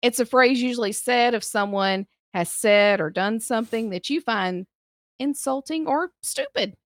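A woman's voice: a little high, moderate pace, no room sound, studio quality. A tired woman from Alabama, co-hosting a casual podcast in a folksy way. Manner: folksy, uses y'all. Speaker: podcast co-host presenting a segment.

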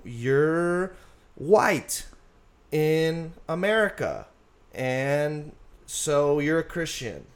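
An earnest man speaking in a somewhat high register, talking casually and getting animated as he goes. His style is loose and slangy, and he sounds like a podcast guest. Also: extremely slow. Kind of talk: casual conversation.

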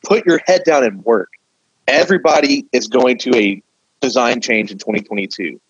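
Brief: a fired-up male podcast co-host, a bit husky, on a slightly dull mic. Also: medium pitch, moderate pace, dry recording. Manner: impassioned, ranting. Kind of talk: casual chat.

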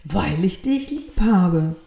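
A woman's voice: fairly low pitch, expressive, takes it slowly, vocal fry, warm tone, full character voice. A woman voicing a kind, loving friendly soul in a storybook reading, speaking in a reassuring, lilting way. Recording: roomy echo.

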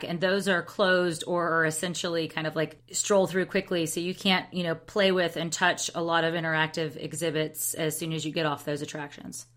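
Lower-pitched woman co-hosting a chat. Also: sharp tone. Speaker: podcast co-host. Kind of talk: casual chat.

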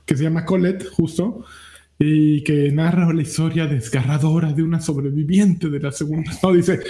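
A Mexican man hosting a loose podcast chat, rambling and joking and cutting off his own sentences. His voice sits high for a man but sounds mellow and dark. The room around him is echoey. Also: fairly even intonation, normal speed. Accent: Mexican Spanish. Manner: rambling, self-interrupting, joking. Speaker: podcast host.

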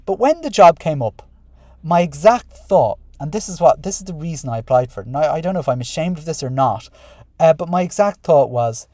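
A man's voice: fairly high pitch, expressive, fairly quick, a little mellow, dry recording. A middle-aged man with an Irish accent presenting a podcast monologue in an earnest, wry way. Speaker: podcast host and school principal. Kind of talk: podcast monologue, part scripted, part conversational.

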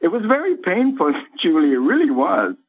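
A man's voice: high voice, wildly swooping pitch. Older man calling in by phone. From Washington State, US. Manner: halting, friendly, rambling. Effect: heard over a phone line. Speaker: radio show caller. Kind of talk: casual call-in chat. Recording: tinny phone line.

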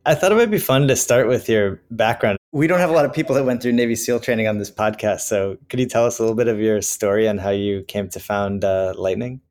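A low-voiced man hosting a podcast, upbeat as he introduces his guest and asks his questions. Faint music plays behind him. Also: fast talker, few pauses, a little mellow. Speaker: podcast host.

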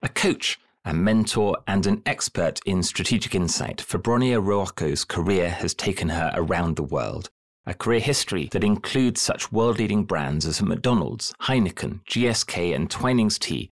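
A man hosting a podcast interview, speaking in a measured, polished way. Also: deep voice. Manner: measured, polished delivery with lively intonation. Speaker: podcast host and coach.

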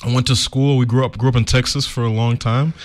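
A man's voice: mid-range voice, little pitch movement, quick pace, background noise. A man born in Zimbabwe whose South African accent carries an American twang, talking easily as a CEO guest in a radio studio interview. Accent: American-tinged South African.

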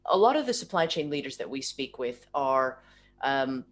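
A woman's voice: rumbling low, big pitch swings, moderate pace. A woman interviewing a guest over a video call whose sound keeps breaking up. She thinks aloud, restarts her sentences and ends many of them with tag questions. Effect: video call audio that breaks up. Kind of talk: remote interview. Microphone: computer or laptop mic on a video call.

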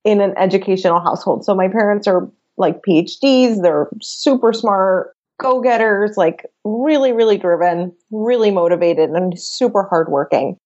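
A woman's voice: mid-range voice, moderate pace, few pauses, darkish tone, highs cut off. A woman in her thirties from Venezuela, a business coach, talking as a guest in a casual, chatty way and often laughing. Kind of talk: casual interview chat.

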